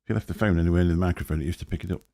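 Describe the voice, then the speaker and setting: He speaks fast, in a dark tone, wandering from one subject to the next on a casual live stream. The deep, booming voice comes through a desk microphone and mixer, and his manner is chatty and rambling, punctuated by his own chuckles.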